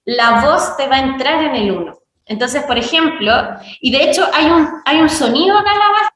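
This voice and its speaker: A woman's voice: high-pitched, expressive, moderate pace, a bit bright, very echoey, far from the mic, slight background noise, low-quality recording. A woman teaching music theory to belly dancers, counting beats aloud and often checking that her students follow.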